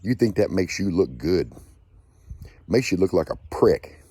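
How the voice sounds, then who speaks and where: Angry low-voiced man ranting. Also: sing-song, measured pace, mellow, husky, dry recording. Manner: angry, profane, repetitive ranting. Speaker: channel host. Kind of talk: angry rant to camera.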